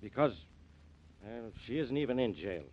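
An actor playing a gruff, blustering, suspicious male police inspector in 1940s radio-drama style, heard as an old radio show broadcast. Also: mid-range voice, animated, moderate pace. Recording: dull lo-fi vintage radio recording.

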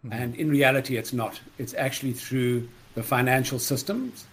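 A man speaks as a guest on a podcast in a mid-range voice. He explains in a steady, businesslike way, with a slight frog in his throat. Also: medium pitch, moderate pace, a little hiss or hum. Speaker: guest, startup co-founder. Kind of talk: podcast interview answers.

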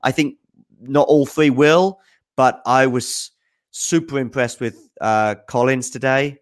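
A man with a medium-pitched voice hosts a tennis news show and answers viewer questions. He talks slowly and steadily, yet his off-the-cuff commentary is casual and enthusiastic, as if he's thinking aloud.

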